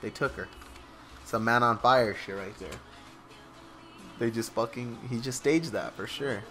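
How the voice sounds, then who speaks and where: A man's voice: mid-range voice, unhurried, pushed and bright, faint music behind. A young man chatting casually over gameplay as a commentator, swearing freely and laughing at his own remarks.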